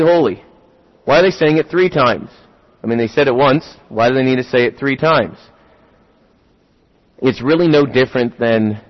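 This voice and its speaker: A man's voice: fairly high pitch, highs cut off. A man preaching a sermon, talking through rhetorical questions and building to emphatic, rising points.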